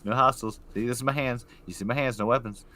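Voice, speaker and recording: A man co-hosting a casual podcast chat, trading dry jokes and quiet asides. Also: mid-range voice, steady tone, fast, slight background noise. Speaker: podcast co-host. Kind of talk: casual post-show chat.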